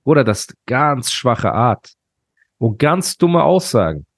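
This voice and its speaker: A man's voice: medium pitch, sing-song, slow pace, gravelly, dry recording, clean studio sound. A man hosting a podcast, ranting heatedly in casual slangy talk. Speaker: podcast host.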